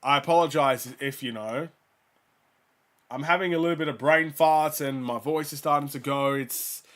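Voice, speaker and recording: Calling the action and reading out player stats, a young man hosts a fan watchalong stream in casual play-by-play style. His bright voice sits slightly high at a normal speed, and though he's sick and his voice is giving out, he grows louder on big plays.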